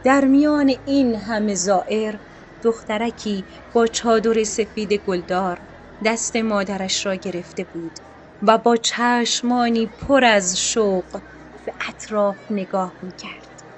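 A woman narrating a scripted story in a calm, measured, literary way. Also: mid-range voice, slight background noise.

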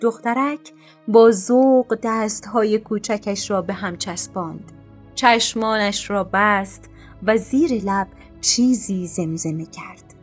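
A woman narrating a scripted story in a calm, measured, literary way. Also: mid-range voice, husky, faint music behind.

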